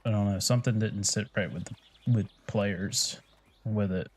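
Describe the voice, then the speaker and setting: A man's voice: on the low side, fairly even intonation, normal speed. A man chatting casually while streaming a city-building game, laid-back and swearing offhand.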